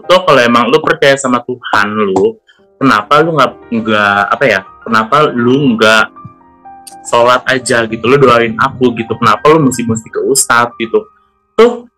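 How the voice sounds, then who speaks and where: A man's voice: mid-range voice, bright, forceful tone. A man giving a casual spoken testimony, chatty, with frequent retelling of what he said and heard. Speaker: testimony speaker.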